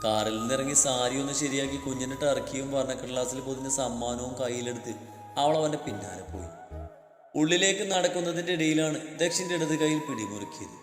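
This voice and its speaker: A male storyteller reads a romance at a calm, steady pace with a middle-pitched voice. The room adds a long, echoing reverb, and soft music plays underneath. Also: fairly quick. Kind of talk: scripted story narration.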